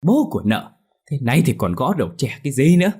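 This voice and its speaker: A man voicing a hot-tempered older market woman who scolds her drunk husband in a shrill, cursing voice. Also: sing-song, fast, dark tone, breathy edge. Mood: furious scolding.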